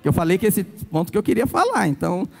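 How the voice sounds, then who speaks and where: A man's voice: high voice, big pitch swings, fast talker, vocal fry. A Brazilian pastor preaching a sermon, telling stories and acting out the people he quotes. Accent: Brazilian Portuguese. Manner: storytelling preacher, acts out quoted voices.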